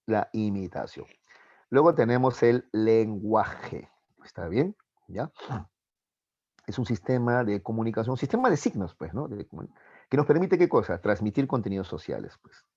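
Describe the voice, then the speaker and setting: A man teaching a class over a video call, his voice sitting low. He keeps checking in with his students as he explains. The sound is dry and a little muffled, like online-class audio. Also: a little mellow, no echo.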